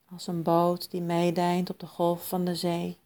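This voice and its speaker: Female meditation guide: soft, soothing, lowish voice, very unhurried, calm, generous pauses.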